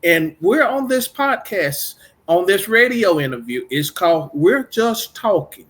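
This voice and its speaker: A man's voice: sits high, very animated, unhurried, fairly bright tone. A middle-aged man from Texas hosting a casual radio interview, rambling and repeating himself in an upbeat way. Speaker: podcast and radio host.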